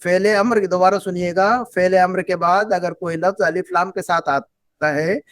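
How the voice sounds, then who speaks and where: High-voiced man teaching Arabic. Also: steady tone, moderate pace, a bit bright. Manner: patient, repeats phrases and quizzes students. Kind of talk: online class lesson.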